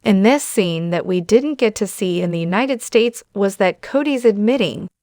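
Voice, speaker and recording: Woman host, casual opinionated commentary, chatty fillers, mid pitch, dry close sound. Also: animated, moderate pace, darkish tone, no echo. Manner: opinionated, talks straight to viewers with many fillers. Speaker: channel host.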